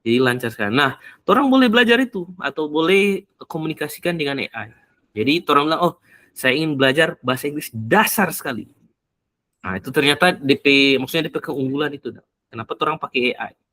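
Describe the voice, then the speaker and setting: Halting man, dry sound. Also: a little high, animated, bright, forceful tone, no echo. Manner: halting, often pauses to search for words. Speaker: speaker explaining AI tools for learning English. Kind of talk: casual explanatory talk.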